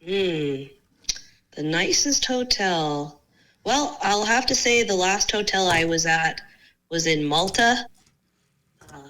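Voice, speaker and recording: A woman's voice: fairly low pitch, bright, forceful tone, slight background noise, rough recording. A woman calling in over a speakerphone, chatting casually and easily, trailing off with fillers. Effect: heard over a speakerphone call. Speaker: phone-in caller. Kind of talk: casual chat.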